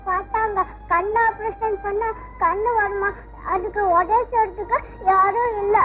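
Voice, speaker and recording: An earnest little girl, very high-pitched. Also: fairly even intonation, a little slow. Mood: sad. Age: child figure. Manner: earnest childlike talk. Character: poor little girl selling dolls, polite and earnest. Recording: dull old film soundtrack with music.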